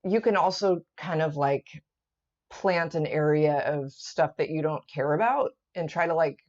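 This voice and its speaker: A woman's voice: low-pitched, measured pace, a little mellow, muffled recording. Chatty woman co-hosting a garden stream. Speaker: gardening live stream co-host. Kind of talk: casual chat, reading viewer comments.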